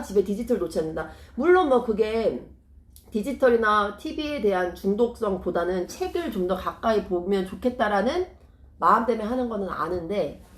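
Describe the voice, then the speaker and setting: A woman's voice: mid-range voice, roomy sound. A middle-aged woman explaining parenting in casual, persuasive talk, often asking rhetorical questions.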